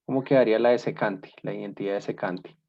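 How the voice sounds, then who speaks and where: In a lowish, gravelly voice at a quick pace, a man teaches a basic math class step by step, patiently checking in with "¿listo?" and "¿cierto?" The class recording is dull and lo-fi.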